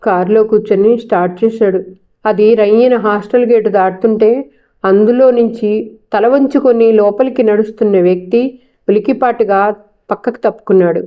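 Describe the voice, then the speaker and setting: A woman narrating a novel aloud in a steady, expressive storytelling manner. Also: mid-range voice, normal speed, muffled recording. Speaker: audiobook narrator.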